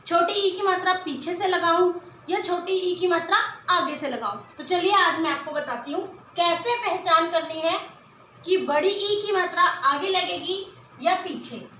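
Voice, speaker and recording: Woman teaching kids hindi, really high bright voice, stretches out every syllable, echoey room. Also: a little hiss or hum. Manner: slow, drawn-out syllables when sounding out words; patient explaining, frequent rhetorical questions. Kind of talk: children's Hindi lesson at a board.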